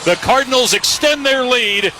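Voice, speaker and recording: A man doing excited radio play-by-play, shouting a football touchdown call in punchy short phrases. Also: extremely high pitch, moderate pace. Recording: noisy live stadium radio broadcast.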